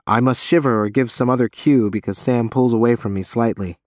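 A man's voice: mid-range voice, fairly quick, darkish tone, no echo, studio quality. A man reading first-person fiction as a scripted audiobook narration.

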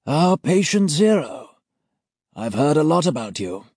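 A man voicing a kindly-looking older male senior auditor who is formal, courteous and quietly menacing. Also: on the high side, very animated, unhurried, slightly rough, dry recording, studio quality, pitched above the performer's own voice, heavily acted. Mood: politely menacing.

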